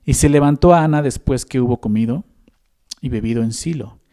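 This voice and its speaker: Man, Mexican accent, pastor's sermon, conversational, tag questions, warm mellow tone. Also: medium pitch, fairly quick. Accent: Mexican Spanish. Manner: conversational, often adds tag questions to the listeners.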